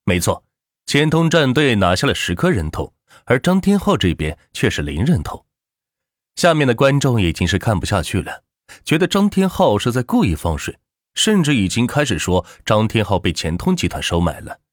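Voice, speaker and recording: A man reading a web novel aloud in animated audiobook narration, close to the mic. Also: mid-range voice, normal speed, no echo. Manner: animated storytelling with expressive rises and falls.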